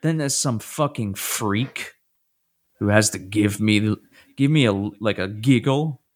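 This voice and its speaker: A man co-hosting a podcast, ranting with heavy swearing and dry, dark jokes in casual chat. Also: lowish voice, slow. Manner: profane, ranting, sardonic humor. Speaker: podcast co-host.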